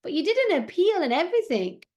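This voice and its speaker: A woman reading aloud, voicing an eager thirteen-year-old schoolboy in a high, bright voice. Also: sing-song, fast. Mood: protesting. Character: eager cheeky British schoolboy, around thirteen.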